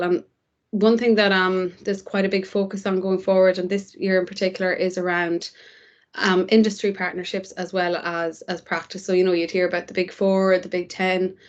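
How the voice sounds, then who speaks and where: A woman's voice: fairly low pitch, dull audio. A woman with an Irish accent giving an informal presentation as a university programme director.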